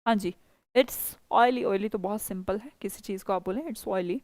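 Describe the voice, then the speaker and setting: A woman teaching a spoken English class, explaining patiently and saying example sentences slowly. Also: medium pitch, darkish tone, dry recording. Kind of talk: online class teaching, mixing Hindi and English.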